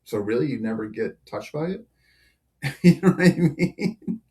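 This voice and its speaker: A man's voice: mid-range voice, lively intonation, unhurried, mellow. A man hosting a podcast in casual chat, talking loosely with many fillers and frequent laughs. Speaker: podcast host.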